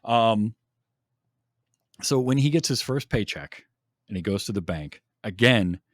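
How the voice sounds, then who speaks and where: A man's voice: fairly low pitch, lively intonation, measured pace, no room sound, studio quality. A man hosting a podcast, chatting casually and enthusiastically about a film with many ums. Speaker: podcast host.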